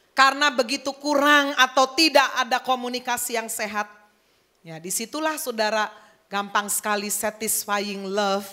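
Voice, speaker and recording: A middle-aged woman pastor preaching a lively sermon, now and then slipping English phrases into her talk. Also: a little high. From Indonesia.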